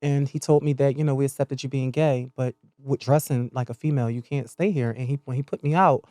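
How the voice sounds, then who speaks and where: A woman's voice: extremely low pitch, fairly even intonation, brisk, dark tone, dry recording, clean studio sound. A woman in her forties with a Philadelphia accent, chatting candidly and sassily as a podcast guest, laughing often. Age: 40s. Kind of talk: casual podcast chat.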